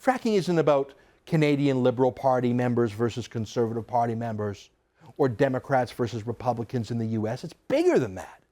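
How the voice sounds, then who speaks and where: A man's voice: mid-range voice, lively intonation, fairly quick, warm tone. A man delivering a combative TV opinion monologue as a commentator, emphatic and sarcastic.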